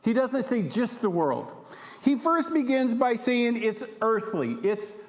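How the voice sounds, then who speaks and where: A male pastor delivers a sermon in a fairly high voice at an unhurried pace. He teaches conversationally and often checks in with his listeners. The sound has a long, reverberant church-hall tail. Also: big pitch swings. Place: church sanctuary.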